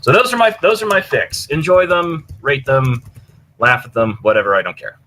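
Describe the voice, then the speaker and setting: A man with a medium-pitched, sharp-toned voice speaks at normal speed as a podcast co-host. He rambles casually and enthusiastically, swearing freely while recommending fan fiction stories.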